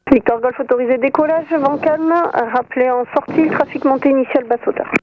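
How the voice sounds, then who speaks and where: A high-voiced woman controls air traffic over the radio. She rattles off clearances in procedural phrasing, her voice muffled by a noisy radio channel. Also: quick pace. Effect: aviation radio.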